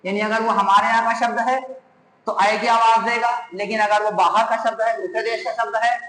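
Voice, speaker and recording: Male grammar teacher, very high voice, slow and deliberate, spells words aloud; roomy reverberant recording. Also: level tone, sharp tone, a little hiss or hum. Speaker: English teacher. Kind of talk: classroom grammar lesson. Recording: echoey room with long reverb.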